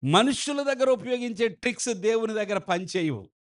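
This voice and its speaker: A man preaching a sermon as pastor, slow and emphatic, who often turns to ask the congregation questions. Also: high voice, lively intonation. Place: church.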